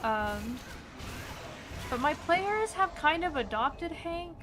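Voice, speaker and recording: Slow-talking giggly woman streamer. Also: high-pitched, animated, over music. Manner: chatty, giggly, talks to game characters. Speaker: game streamer. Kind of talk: casual gameplay commentary. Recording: game sound noise behind.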